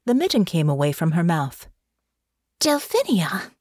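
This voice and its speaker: A woman narrating an audiobook in a measured storytelling manner on a close mic. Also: fairly low pitch, expressive, no room sound. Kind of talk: scripted narration.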